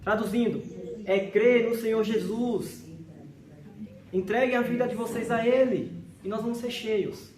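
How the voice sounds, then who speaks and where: A man from Brazil preaching a sermon, emphatic, slowly repeating each verse reference. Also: high-pitched, steady tone, a little mellow. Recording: echoey hall with faint noise.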